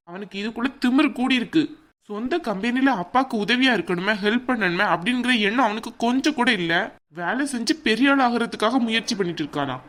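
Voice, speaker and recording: A woman's voice: a little high, natural voice. A woman voicing a stubborn, resentful grown son in a cartoon, arguing indignantly. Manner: indignant, argumentative. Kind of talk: cartoon voice acting.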